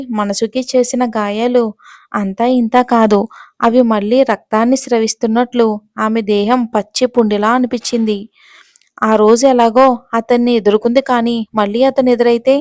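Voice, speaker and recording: A woman narrating a romance audio story as a steady, dramatic storyteller. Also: fairly high pitch, no echo, clean studio sound. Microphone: close mic, dry sound.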